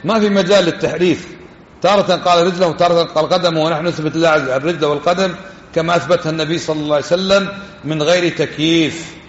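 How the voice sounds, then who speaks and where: A man giving a religious lesson, talking quickly and conversationally and putting questions to his listeners. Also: fairly high pitch, a little hiss or hum. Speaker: religious teacher. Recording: dull, echoey hall.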